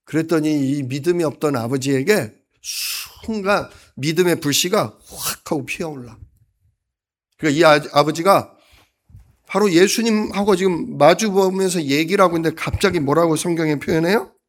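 A male pastor preaching a sermon, acting out quoted lines with sudden loud outbursts and then dropping to a soft voice. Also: a little high, moderate pace. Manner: dramatic, acts out quotes with sudden loud bursts.

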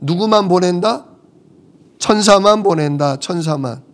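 Animated Korean pastor preaching a sermon. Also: male voice, sits high, measured pace. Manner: animated, asks the congregation questions.

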